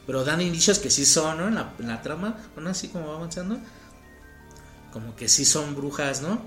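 A man's voice: fairly high pitch, animated, fairly quick, fairly bright tone. A young man with a Mexican accent, chatting about witches and ghost stories in slangy speech, often checking agreement. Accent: Mexican Spanish. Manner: slangy, filler-heavy, seeks agreement. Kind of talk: casual chat, telling spooky stories. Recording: echoey room with faint music.

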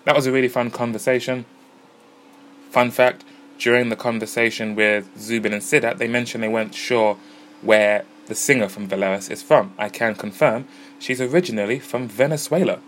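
A music podcast host chats easily and casually about bands and gigs, sounding chatty, relaxed, and self-deprecating as he narrates and interviews. His mid-range voice is a bit bright, with fairly even intonation and a moderate pace. He's recorded in a noisy pub smoking area with a crowd around.

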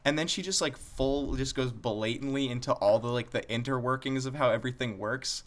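A man's voice: medium pitch, a little fast. A young man, a college student, chatting casually and rambling with lots of filler words. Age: young adult. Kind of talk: casual chat.

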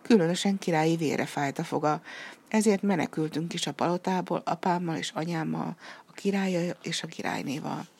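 A woman's voice: deep voice, creaky, slightly rough, heavily acted. A woman voicing a sighing young princess. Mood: gentle. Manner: gentle, sighing storybook voicing. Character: sad, kind young princess waiting for a prince.

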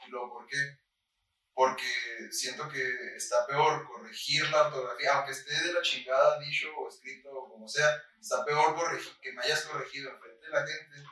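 A man's voice: medium pitch, fairly even intonation, moderate pace, sharp tone. A young Mexican man co-hosting a podcast in casual chat, rambling and slangy, dropping "güey" into almost every sentence. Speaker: podcast co-host. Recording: echoey room, far from the mic, faint noise.

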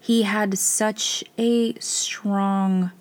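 A woman in her thirties hosts a casual solo podcast from inside a small clothes closet in her studio apartment, chatty, informal, and self-deprecating. Her mid-range, darkish voice holds a steady tone and moves extremely slowly.

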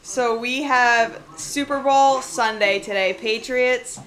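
Chatty woman podcast host, higher voice. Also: takes it slowly, fairly bright tone. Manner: chatty, laughing often. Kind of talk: casual chat podcast. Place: busy room at a live pre-game party. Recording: noisy room.

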